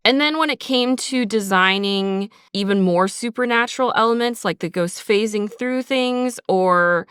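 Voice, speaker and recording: This woman podcast host, taking the role of a sound designer, walks through explanations methodically and conversationally with examples in a behind-the-scenes discussion. She speaks a little slowly at a medium pitch, with a clean, fairly bright tone. The studio recording is clean and dry.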